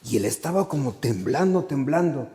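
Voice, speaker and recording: A man's voice: medium pitch, animated, normal speed, warm tone. A man, an Augustinian friar, telling a personal testimony in a parish church, acting out quotes and dropping into English phrases. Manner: vivid storyteller who acts out quotes and slips into English phrases. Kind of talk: storytelling testimony. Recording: long church reverb.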